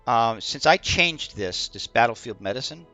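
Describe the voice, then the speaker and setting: A man's voice: mid-range voice, animated, moderate pace, bright, forceful tone. A man playing a game and hesitantly second-guessing his own choices in casual chat. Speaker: channel host playing the game. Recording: dull lo-fi sound with faint music.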